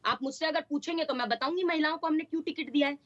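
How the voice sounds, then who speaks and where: Insistent high-voiced woman debating. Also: very fast, a bit bright, dull audio. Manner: insistent, argumentative, talks over others. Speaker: party spokesperson. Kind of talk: heated TV news debate.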